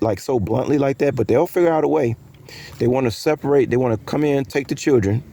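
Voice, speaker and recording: A man's voice: medium pitch, warm tone. A man talking to his viewers in a casual, rambling, conspiratorial vlog monologue, full of fillers and restarts. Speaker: vlogger.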